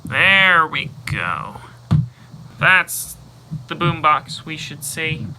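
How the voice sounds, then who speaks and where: This toy reviewer, a man with a somewhat high voice, calmly explains a toy's transformation one step at a time as he handles it. He pauses and mutters to himself along the way, and a steady hiss sits under the audio.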